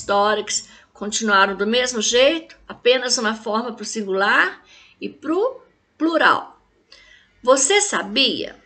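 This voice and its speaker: A woman from Brazil teaches a recorded lesson to young pupils, her voice pitched a little high and bright and forward. She keeps checking in with the children and stretches example words out slowly so they can follow.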